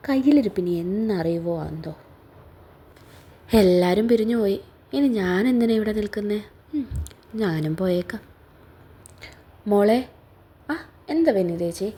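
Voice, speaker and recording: A woman's voice: mid-range voice, warm tone, slightly rough. A young woman narrating a storybook aloud as the heroine, in a chatty, teasing first-person way. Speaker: audiobook narrator.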